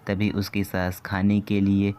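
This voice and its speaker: A man narrating a cartoon story in a steady, scripted storytelling voice. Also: fairly low pitch, a little slow, clear, resonant tone.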